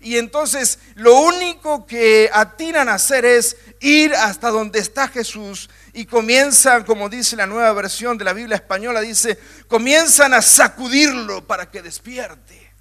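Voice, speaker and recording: A man's voice: very high voice, a little slow, bright, forceful tone. A man preaching a sermon with emphatic, building repetition, talking directly to his listeners.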